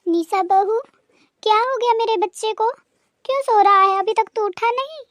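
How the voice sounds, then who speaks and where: A woman voicing a harsh older mother-in-law who scolds loudly and talks sharply. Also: extremely high pitch, moderate pace, no echo, studio quality, pitched above the performer's own voice. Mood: doting. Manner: loud, scolding, sharp-tongued.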